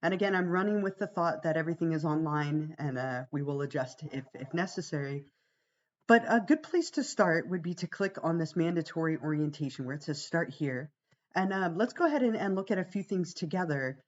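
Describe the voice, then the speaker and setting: Gravelly-voiced woman teaching on a livestream. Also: sits low, lively intonation, brisk, muffled recording. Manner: reassuring, conversational. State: fighting a cold, voice strained from much talking. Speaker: college psychology instructor. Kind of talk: informal livestreamed class orientation.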